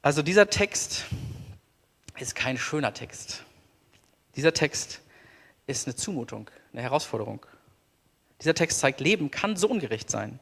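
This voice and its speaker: A man preaching a sermon as pastor, earnest, slowing down to stress key words. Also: mid-range voice, very animated, creaky, fairly bright tone, breathy edge. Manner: earnest, slows down for emphasis. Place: church. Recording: long church reverb.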